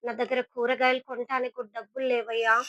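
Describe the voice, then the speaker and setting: A woman's voice: a little high, little pitch movement, fast talker, fairly bright tone, no room sound, muffled recording, close to an everyday voice. A woman voicing a poor, humble woman who speaks meekly and sorrowfully. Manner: meek, sorrowful.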